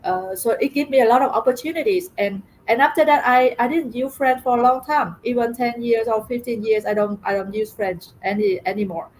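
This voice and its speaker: As an interview guest, a middle-aged woman from Vietnam recounts her story haltingly, full of fillers and repeated words, in a Vietnamese accent. Her voice is a little high and darkish. A bit of hiss or hum runs through the rough recording.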